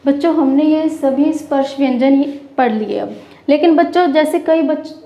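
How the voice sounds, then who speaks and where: A woman teaching a grammar lesson to schoolchildren. She asks the class questions, answers them herself, and repeats the key terms. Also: sits high. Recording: roomy, dull lo-fi classroom recording.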